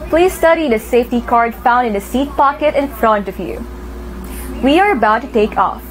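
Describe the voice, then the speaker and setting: A young woman with a Filipino accent speaks in a fairly high voice. She delivers a scripted flight attendant safety announcement in a formal, clearly phrased way. There is slight background noise in the room. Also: poor audio. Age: young adult.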